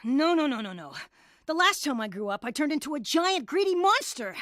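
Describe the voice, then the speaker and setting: Woman doing a jumpy boy dragon, stammering, lively up-and-down voice, dry close sound. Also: high-pitched, fairly quick, no room sound. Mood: panicked. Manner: flustered, stammering, erupting into sudden loud outbursts. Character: young male dragon, flustered and eager to please. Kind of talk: cartoon voice acting.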